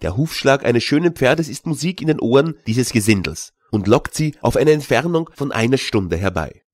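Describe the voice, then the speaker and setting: A man's voice: mid-range voice, expressive, normal speed, no echo, studio quality, lightly acted. A man reading an audiobook, voicing a courteous, refined young nobleman. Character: polite, genteel young nobleman at an inn.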